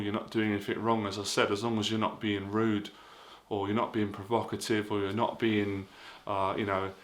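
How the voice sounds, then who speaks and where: A man's voice: lowish voice, a bit bright. A man giving casual dating advice in an earnest, repetitive way, full of fillers. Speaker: dating coach.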